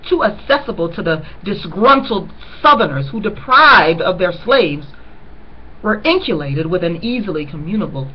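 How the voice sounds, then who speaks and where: A woman with a fairly low voice reads a novel aloud chapter by chapter on a lo-fi recording with a little hiss or hum. Now and then she stops, earnest in tone, to point out significant lines to her listeners, blending narration with her own commentary.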